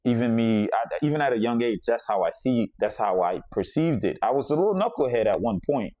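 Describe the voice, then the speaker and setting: A man from the Bahamas hosts a podcast, telling a personal story in a reflective, conversational way and circling back to repeat his points. His voice is medium-pitched, expressive and mellow, his pace brisk, with no echo.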